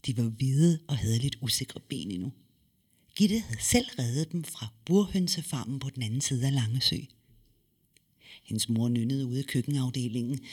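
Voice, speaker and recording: Husky guy narrating a story, lively, plays with his pitch, dramatic pauses. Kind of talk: storytelling audiobook reading.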